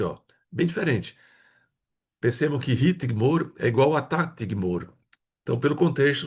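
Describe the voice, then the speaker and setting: A man's voice: medium pitch, breathy edge. A man from Brazil, teaching a grammar lesson, patiently repeating words and checking in with his students. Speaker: Hebrew teacher.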